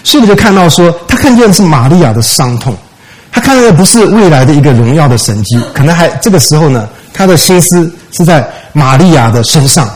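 A man's voice: on the high side, sing-song, quick pace, rough recording. A man preaching a sermon, retelling a story with rhetorical questions and dropping English words into his speech. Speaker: pastor.

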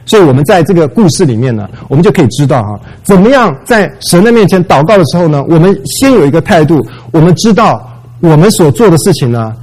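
A man delivers a sermon in a chatty, conversational way. He drops English words into his talk. His voice sits a little high for a man. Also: very animated, fast talker, darkish tone, slightly rough, poor audio. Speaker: preacher.

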